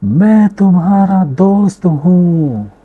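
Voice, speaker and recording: A man's voice: on the low side, moderate pace, breathy edge, narrow, tinny audio. Patient protective father, told by a man. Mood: loving. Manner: gently warning, reassuring.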